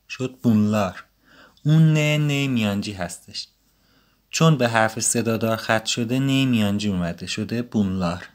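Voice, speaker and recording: Patient man teaching a language lesson. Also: mid-range voice. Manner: patient, explains step by step with fillers. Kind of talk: casual spoken lesson.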